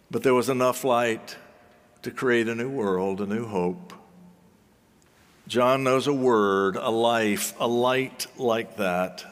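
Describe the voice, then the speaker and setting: Male preacher, medium pitch, unhurried solemn oratory, deliberate pauses, long hall reverb. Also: fairly bright tone. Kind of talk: sermon, measured oratory with rhetorical repetition. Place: large reverberant hall or sanctuary.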